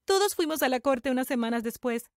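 A woman's voice: high-pitched, expressive, fairly quick, no echo, clean studio sound. A woman narrating a first-person story in a scripted, dramatic, emotional way.

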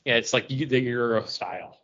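Dull lo-fi audio carries a man's medium-pitched, sharp-toned voice at normal speed. He's a podcast host in casual chat mode.

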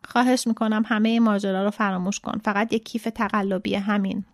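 A woman's voice: mid-range voice, steady tone, no room sound, close to an everyday voice. An awkward young man stumbles through his words with embarrassed politeness, voiced by a woman reading the story. He sounds courteous and ashamed. The recording is dry and close. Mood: soothing. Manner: hesitant, embarrassed.

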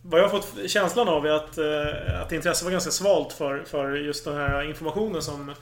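A man's voice: on the high side, gravelly. A man co-hosting a casual history chat, asking questions and adding quips. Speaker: podcast co-host. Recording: roomy with faint noise.

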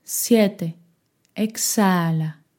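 A woman guides a meditation in an unhurried, soft-spoken voice, leaving long pauses between each cue. Her tone is mellow and relaxed, never bright. She speaks at a very slow pace. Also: on the low side.

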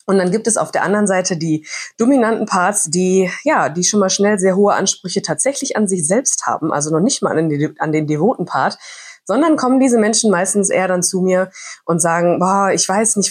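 A podcast host with a cold delivers a chatty, reflective monologue, hesitating often. Her voice is on the low side with a breathy edge.

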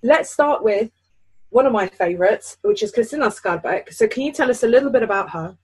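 An excitable, gushing woman co-hosting a casual podcast chat, recorded on a dull microphone. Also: fairly high pitch, a little fast, husky. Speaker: podcast co-host.

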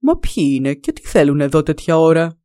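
A woman's voice: sits low, sing-song, mellow, dry recording, clean studio sound. A woman voicing a grumpy, impatient male village priest in a storybook reading. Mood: annoyed. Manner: grumbling.

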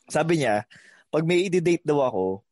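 A man's voice: fairly high pitch, very animated, moderate pace, darkish tone, no echo. A man co-hosting a podcast, telling a story in a rambling, hesitant way and giggling. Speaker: podcast co-host. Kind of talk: casual storytelling.

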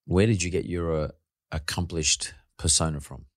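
A man's voice: sits low, fairly even intonation, normal speed, no echo, studio quality. A man hosting an interview podcast, asking probing follow-up questions. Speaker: podcast host.

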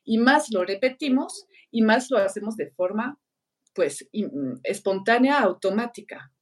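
A middle-aged woman with a fairly high, unhurried voice chats on a podcast, telling anecdotes and acting out the voices of people she quotes. She's a teacher who speaks about learning, and she tells her stories with animation. The mic is distant.

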